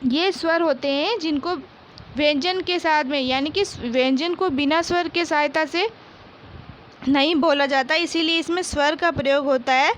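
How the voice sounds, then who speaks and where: A woman's voice: high-pitched, fairly bright tone, a little hiss or hum. A woman teacher gives a primary-school Hindi lesson. She reads each word twice and answers her own questions. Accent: Rajasthani Hindi. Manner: slow, patient, repeats each word twice for pupils; asks questions and answers them herself.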